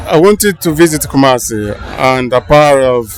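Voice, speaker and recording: Outdoors at a crowded palace funeral, a man from Angola answers a casual street interview as a visitor, with crowd murmur around him. His mid-range voice is expressive, but he speaks haltingly, often restarting as he searches for words.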